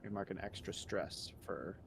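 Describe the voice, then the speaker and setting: A man's voice: deep voice, normal speed, vocal fry, faint music behind. A man chatting casually as a player in a tabletop game, saying what his character does.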